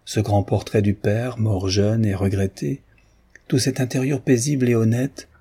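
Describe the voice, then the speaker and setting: A man narrating a classic novel in a measured, even reading style. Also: fairly low pitch, husky. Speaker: audiobook narrator. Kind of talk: literary narration.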